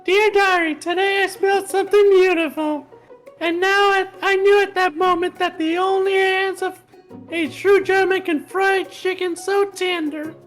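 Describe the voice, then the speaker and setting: A sugary, scheming schoolgirl, put on by a woman with a high, saccharine voice, reading game lines aloud. Faint music runs underneath. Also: fairly even intonation, moderate pace. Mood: dreamy.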